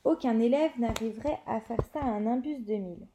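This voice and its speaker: A woman reading as a gruff grumbling giant man. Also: on the high side, fairly quick, noisy background, close to an everyday voice. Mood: worried. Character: big gruff kindly man, worried.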